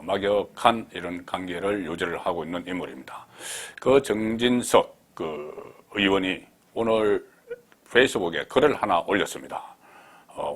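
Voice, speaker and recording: A man hosting a solo political commentary show, explaining events in a measured way with frequent hesitation fillers. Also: deep voice.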